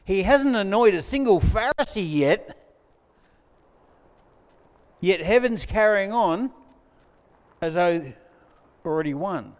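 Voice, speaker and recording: A man's voice: sits high, lively intonation, slow pace, long pauses. A man preaching a sermon as pastor, conversational with joking asides to the congregation, on a mic in a church hall. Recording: long hall reverb.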